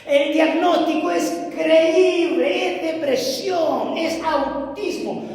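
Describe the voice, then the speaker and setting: A man's voice: fairly even intonation, darkish tone. A man preaching a sermon with dramatic emphasis, asking his congregation rhetorical questions. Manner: dramatic, emphatic delivery with pauses. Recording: booming echo of a large hall.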